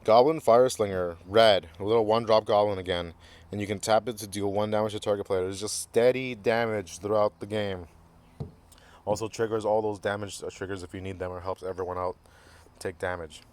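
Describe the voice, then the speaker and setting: Goofy low-voiced man reviewing cards. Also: steady tone, a little fast. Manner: goofy, jokey, reads card text aloud. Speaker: card game channel host. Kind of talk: casual card review commentary.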